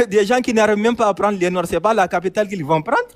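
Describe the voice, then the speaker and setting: Malian man calling in, high pitched voice, insistent, keeps repeating himself. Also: quick pace. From Mali. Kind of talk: casual chat, phone-in debate.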